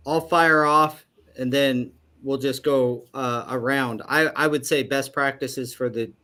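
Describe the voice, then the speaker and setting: A man hosting a panel over a video call, talking in a relaxed, hesitant way with frequent fillers. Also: mid-range voice. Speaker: host. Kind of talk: casual panel discussion.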